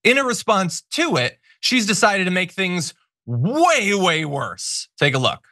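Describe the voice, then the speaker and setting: Male political commentator, very animated, indignant and sarcastic, dry studio sound. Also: high voice, measured pace, no echo. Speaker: political talk show host. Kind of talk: opinionated news commentary.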